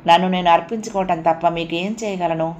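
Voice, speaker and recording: A soft-spoken young woman, adoring and coaxing, murmuring close in a storybook reading, as a woman narrator puts her on. Her voice sits a little higher than the reader's own and stays tender and sweet. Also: fairly even intonation, a little fast, muffled recording, a little hiss or hum, close to an everyday voice.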